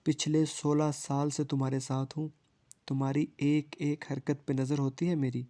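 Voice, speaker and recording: A playful, stubborn young woman who teases her cousin and always gets her way, voiced by a male narrator. The delivery stays flat and mellow, pitched slightly high, with little change from the storyteller's own voice. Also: lightly acted. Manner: teasing, stubborn.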